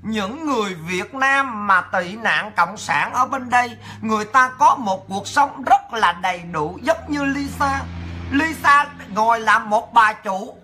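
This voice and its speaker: A woman's voice: fairly high pitch, lively intonation, unhurried, pushed and bright, slight background noise. A woman giving fiery, emphatic political commentary as a host. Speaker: online commentator.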